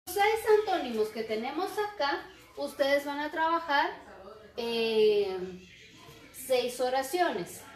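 A woman teacher giving a lesson, speaking slowly and checking in with rhetorical questions. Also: high voice, expressive. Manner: slow, repeats examples and asks rhetorical checks. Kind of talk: recorded classroom lesson. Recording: echoey room.

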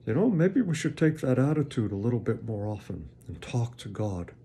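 A man's voice: mid-range voice, animated, normal speed, mellow, a little hiss or hum. A man hosting a Bible reading, giving earnest, plain-spoken devotional commentary and reading scripture aloud.

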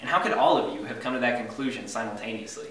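A man's voice: medium pitch, fast, a bit bright, lightly acted. A young man playing a bewildered, exasperated straight man with sitcom delivery. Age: young adult. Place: living room of a house. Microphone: camera mic across the room. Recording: very echoey house, distant mic, faint noise.

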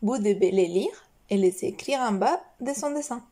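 A woman teacher with a French accent reading a phonics lesson, drilling syllables slowly and carefully. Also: mid-range voice, lively intonation, mellow, breathy edge.

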